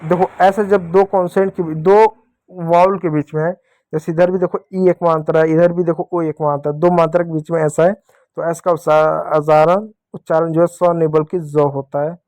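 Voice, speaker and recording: A man's voice: a little high, level tone, normal speed, a little mellow, no echo. A man teaching children to read words, spelling each one patiently letter by letter and calling out to the kids. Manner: repeatedly addresses the children. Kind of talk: children's reading lesson.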